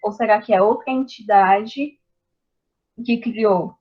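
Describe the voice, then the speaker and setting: A woman giving a class presentation, explaining slowly with hesitant fillers. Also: mid-range voice. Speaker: student presenting a poetry assignment. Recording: dull lo-fi recording.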